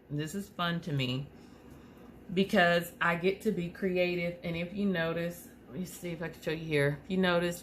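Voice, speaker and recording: Low, slow-talking woman with a slight lisp. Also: a bit bright, a little hiss or hum. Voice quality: slight lisp from aligner trays. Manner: rambling and chatty, many fillers and restarts. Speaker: craft tutorial host. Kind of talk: casual how-to talk.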